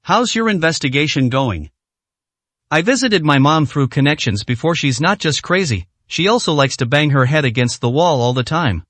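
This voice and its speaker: A man's voice: on the high side, animated, moderate pace, a bit bright, dry recording. A man voicing an anxious young woman whose voice trembles slightly. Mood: worried. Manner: trembling and worried.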